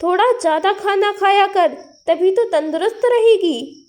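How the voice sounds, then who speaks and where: A woman's voice: very high-pitched, moderate pace, a little mellow. A woman voicing a stern old mother-in-law from the village who scolds and mocks her daughter-in-law. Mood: scolding. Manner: scolding, mocking.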